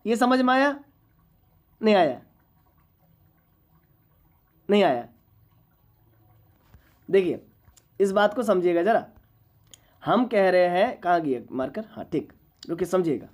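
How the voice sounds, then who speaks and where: A woman's voice: medium pitch, animated, moderate pace, pauses often, a little mellow. A woman teaching a university maths class, lecturing patiently and often asking whether students follow. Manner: patient, checks understanding often.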